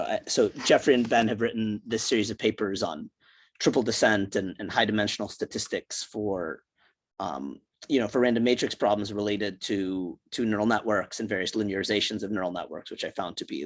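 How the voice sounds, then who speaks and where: Low-voiced man hosting a video call. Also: a little fast. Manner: loose, chatty, many fillers like "you know". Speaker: host introducing a speaker. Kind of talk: casual introduction on a video call.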